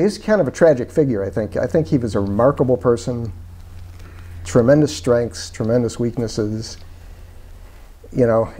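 A man's voice: medium pitch, dark tone. An older man talking as an author being interviewed, reflective and meandering with many fillers, on a lapel mic in a small parlor-style room. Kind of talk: casual conversation.

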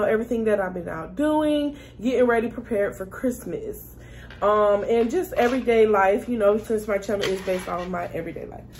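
Eating her meal on camera, this vlogger chats with viewers in a relaxed, chatty mukbang. Her mid-range voice sounds a little mellow over slight background noise.

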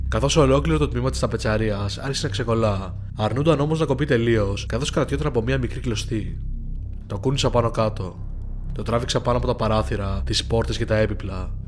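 Man narrating a horror story. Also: medium pitch. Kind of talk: scripted first-person horror narration. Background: faint background music.

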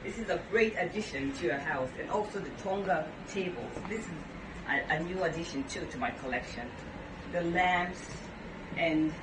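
A middle-aged woman from Tanzania, a gallery owner giving a guided tour of her shop with a friendly sales pitch. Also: moderate pace. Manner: warm sales pitch, showing items. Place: indoor gallery in a home. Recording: roomy and distant with background noise.

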